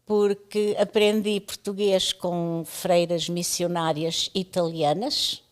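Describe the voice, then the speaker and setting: A woman in her seventies from East Timor, a radio pioneer, tells her life story as an interview guest in a storytelling conversation. Her voice is lowish and slow with fairly even intonation, and she chats freely, laughing often.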